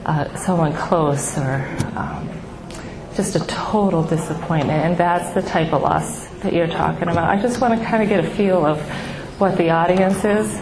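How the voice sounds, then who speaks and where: Telling an audience about her own grief, this middle-aged woman halts and pauses frequently, her words heartfelt. She has a fairly low, soft, small voice that she herself likens to a baby's. The setting is a support gathering in an echoey room, with crowd noise and other background sound.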